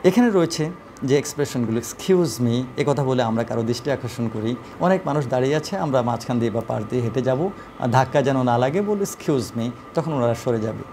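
Man teaching, slow deliberate phrases. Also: mid-range voice, expressive, dark tone, slight background noise. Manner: slow, deliberate reading of example phrases with frequent "uh" fillers. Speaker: English teacher. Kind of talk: spoken English lesson.

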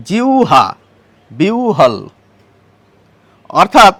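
A man's voice: sits high, no room sound. A man teaching a pronunciation lesson, patiently posing questions and then answering them himself. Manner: patient, asks and answers his own questions. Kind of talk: explanatory grammar lesson.

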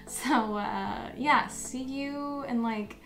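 A twenty-something plant vlogger talks casually about her houseplants from her bedroom at home, gushing and laughing a lot. Her slightly high voice is gravelly and very slow, the sound roomy, with background music underneath.

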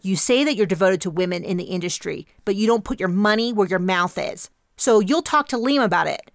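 A woman voicing an intense young female activist in her twenties, insistent and accusatory, with a gravelly edge. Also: lively intonation, no room sound, studio quality, natural voice. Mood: indignant. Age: 20s. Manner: insistent, accusatory, rapid-fire pitch.

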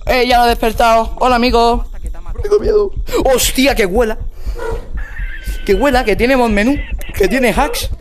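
A man with a Spain Spanish accent, playing a VR horror game with friends in casual commentary, jumpy and swearing, shouting in fright and then joking. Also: very high-pitched, steady tone, normal speed, soft background music. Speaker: gaming video host.

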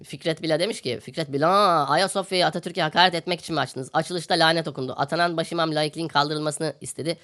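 A man rattles through the news at a brisk clip as a podcast host. His commentary is satirical and sarcastic, and he rants while circling back to the same phrases for comic effect. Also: on the high side, fairly even intonation, fairly bright tone.

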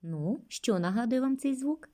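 A woman teaching young children a speech lesson, speaking gently and drawing out words for them. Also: a little high, animated, normal speed. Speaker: kindergarten teacher.

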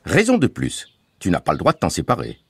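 A man's voice: low voice, wildly swooping pitch, fairly quick, gravelly, a bit bright, slightly rough, no echo, heavily acted. A man voicing a scrupulous, stern schoolteacher father who speaks in a principled, indignant way.

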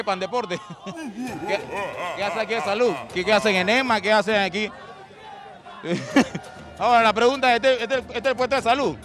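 A man with a Panamanian accent doing loud, teasing comic street interviews at a stadium, often shouting. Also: very high voice. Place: outdoors at a stadium crowd. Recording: music and crowd noise. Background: crowd and music.

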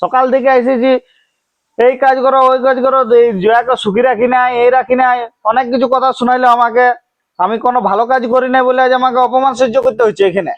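A man's voice: extremely high pitch, fairly even intonation, fast, dull audio. A man playing an insulted young son-in-law. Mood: aggrieved. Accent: Manbhum Bengali. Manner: aggrieved, insistent. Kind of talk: amateur village comedy drama.

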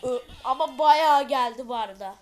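A high-pitched woman gives lively gameplay commentary. She is excitable and chatty, throws out sudden exclamations, and keeps addressing her viewers. Soft music plays faintly underneath. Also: normal speed. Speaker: gaming channel host.

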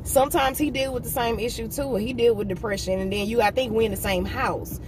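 A woman's voice: fairly high pitch, steady tone, fast. A woman, talking candidly and assertively to her viewers in a car vlog. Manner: casual, assertive, talks straight to viewers. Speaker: motivational vlogger. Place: parked car, daytime. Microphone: phone camera on the dashboard. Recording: phone mic a little far off, loud car and street noise. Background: car and outdoor traffic noise.

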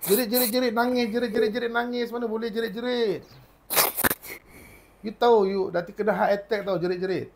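A man's voice: sits high, steady tone, fairly quick, heavy background noise. A man working as a spiritual healer, mockingly scolding and teasing a possessing spirit during a healing session.

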